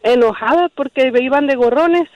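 A woman's voice: high voice, normal speed, faint music behind. A woman calling in to a radio show, telling her story plainly. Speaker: caller. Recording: dull dry phone line.

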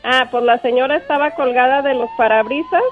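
A woman calling in to a radio show, telling a neighbor's story in a gossipy, animated way. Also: sits high, a little fast, faint music behind. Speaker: radio caller. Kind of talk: phone-in storytelling. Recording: muffled phone-in audio.

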